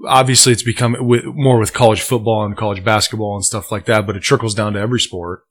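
A man's voice: fairly low pitch, steady tone. A man, a coach co-hosting a podcast, asking easygoing questions in casual chat, recorded in a garage studio. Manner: quick reactions, easygoing questions.

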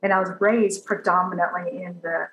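A Taiwan-born woman raised in Los Angeles, a realtor telling her story as a podcast guest, open and animated with easy laughs. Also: on the low side, moderate pace. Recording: echoey room with faint background noise.

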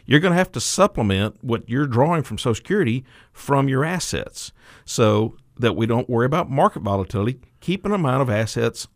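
Guy advisor explaining retirement buckets, really animated voice, dry close sound. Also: medium pitch, brisk, dry recording. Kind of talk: financial radio talk.

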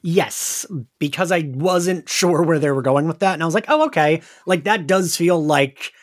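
A podcast host recaps an episode casually, giggling easily and wandering hesitantly from point to point. His voice is on the high side, and he speaks at a normal speed.

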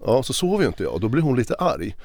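A man speaking as a podcast guest, recounting a personal story in a halting, emotional way with many restarts. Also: medium pitch, huge pitch swings, creaky, a little mellow, no echo. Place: podcast recording session.

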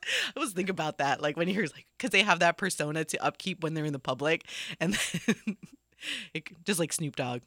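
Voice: mid-range voice, a little fast, fairly bright tone, dry recording, clean studio sound. A podcast co-host in casual chat who tells stories animatedly and laughs often.

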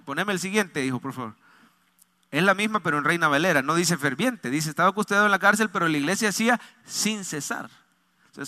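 Man, pastor preaching in church, emphatic, loud and soft by turns, high voice. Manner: emphatic preaching, shifts between loud exhortation and soft intimate asides. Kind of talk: sermon.

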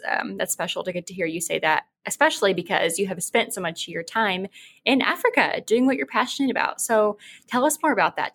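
A woman's voice: medium pitch, a bit bright. A woman in her twenties hosting an interview, encouraging and chatty, filling her speech with likes and ums. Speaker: podcast host. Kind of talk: casual interview talk.

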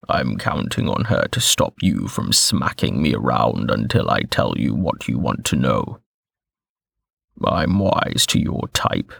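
A man voicing a blunt, smug middle-aged male information broker with a rough, gravelly voice. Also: a bass voice, fairly bright tone, no echo, studio quality, pitched below the performer's own voice, heavily acted.

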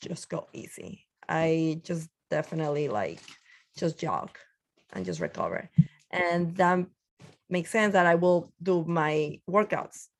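Chatty woman in her thirties from Mexico. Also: on the low side. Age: 30s. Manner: chatty, many fillers and restarts. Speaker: guest marathon runner. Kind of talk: casual podcast interview.

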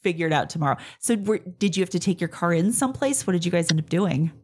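A woman's voice: on the low side, lively intonation, fast talker, darkish tone, slightly rough. A woman in her forties hosting a casual chat, laughing often and reacting with "oh my God". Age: 40s. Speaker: podcast host.

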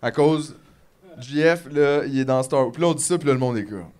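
A man's voice: mid-range voice, a little fast, darkish tone, clear, resonant tone. A man with a Quebec French accent hosting a podcast, teasing and enthusiastic in casual chat. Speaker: podcast host.

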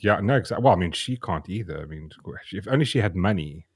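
A man co-hosting a podcast, chatting casually with sarcasm, frequent laughs and halting restarts. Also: low voice, lively intonation, breathy edge. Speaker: podcast co-host.

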